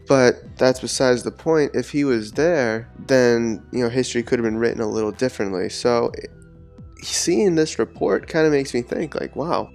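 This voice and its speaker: A man with a medium-pitched, somewhat dark voice hosts a solo sports podcast while getting over a cold. He talks earnestly and rambles, repeating words as he goes.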